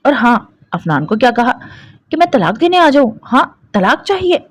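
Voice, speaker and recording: A woman's voice: fairly high pitch, sing-song, normal speed, voice pushed up. A woman voicing a possessive, domineering young husband who gives harsh commands.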